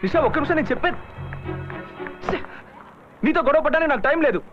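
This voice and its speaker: An actor dubbing an earnest young hero, talking in an urgent, pleading way. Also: male voice, very high voice, expressive, quick pace. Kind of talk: dubbed film dialogue. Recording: muffled film audio with music.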